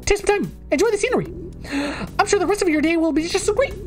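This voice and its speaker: A woman's voice: very high-pitched, lively intonation, fast, faint music behind, pitched above the performer's own voice. Woman doing a chirpy, folksy passerby. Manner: sugary, chirpy friendliness. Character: overly cheerful passerby, folksy and friendly.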